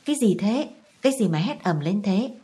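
A woman's voice: medium pitch, animated, brisk, mellow, close to an everyday voice. A woman voicing a young male schoolteacher who speaks with deferential, very formal politeness. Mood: startled.

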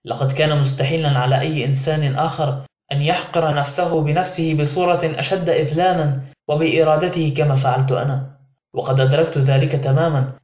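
A man's voice: a little high, fairly even intonation, fast, a little mellow. A man narrating a novel in the first person as an audiobook, in a dramatic reading style. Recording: roomy echo.

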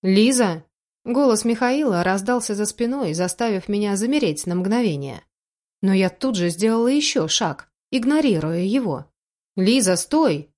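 A woman's voice: medium pitch, expressive, moderate pace, a little mellow. A woman reading a first-person story aloud as an audiobook narrator, with an emotional, dramatic delivery.

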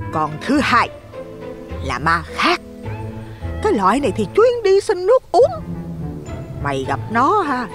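A man's voice: high-pitched, pitched above the performer's own voice, heavily acted. Man voicing a gossipy old village woman. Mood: lecturing. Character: gossipy plump village woman in her sixties, loud, nosy.

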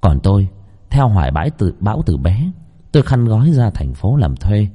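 A man tells a first-person horror story in a tense, suspenseful way. His voice sits low with a dark, husky grain and swings widely in pitch as he builds dread, with faint music playing underneath. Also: sing-song, moderate pace. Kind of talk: dramatic horror story narration.

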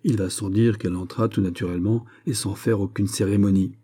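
Low-voiced, dark-toned male narrator. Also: fairly even intonation, brisk, breathy edge. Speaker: audiobook narrator. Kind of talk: scripted narration.

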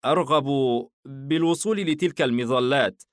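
A man's voice: medium pitch, moderate pace, fairly bright tone, no echo, clean studio sound, voice pushed up, close to an everyday voice. A man voicing a blunt, impatient male customer in a shop, curt in his replies. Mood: wary.

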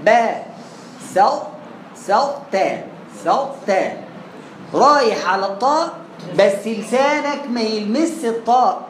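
Speaking slowly in a high, expressive voice, an Egyptian-accented man drills Quran recitation pronunciation with his class, asking questions and then answering them himself. The lesson is recorded in an echoey room with a little background noise.

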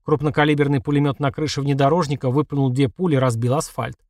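A man's voice: medium pitch, little pitch movement, fast, a little mellow, no room sound, clean studio sound. A man reading a first-person audiobook in a tense, matter-of-fact way. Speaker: audiobook narrator.

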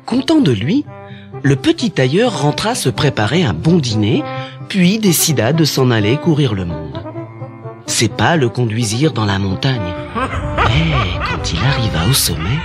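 A man narrating a children's fairy tale in an expressive, animated way. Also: mid-range voice, unhurried. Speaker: storyteller. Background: music.

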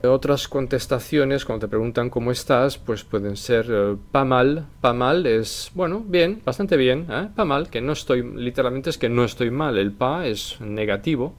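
A man teaching a language lesson, explaining slowly and repeating example phrases, often ending a point with a quick "eh?". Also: mid-range voice. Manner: tag question "eh" after points. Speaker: French teacher.

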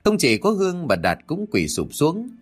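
A man narrating a dramatic audio story in a steady reading voice. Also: fairly high pitch, moderate pace, slightly rough, faint music behind.

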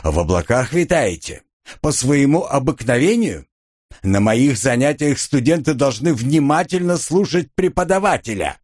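A man's voice: medium pitch, big pitch swings, moderate pace, a little mellow. A man voicing a stern old male professor who turns into a hissing monster, scolding a student in an audiobook.

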